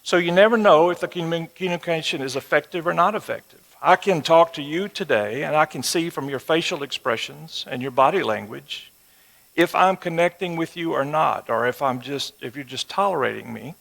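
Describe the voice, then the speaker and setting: Gravelly older man with a West Texas twang. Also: on the high side, a bit bright. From West Texas, United States. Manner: folksy, conversational, with rhetorical check-in questions. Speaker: Bible teacher. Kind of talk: sermon-like Bible lesson to an audience. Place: large room or auditorium with a live audience. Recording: reverberant hall, amplified speech.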